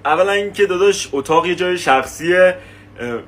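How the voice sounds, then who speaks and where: A man's voice: high voice, very noisy. A man playing a cheeky younger brother who talks back in a comedy sketch. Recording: music playing underneath.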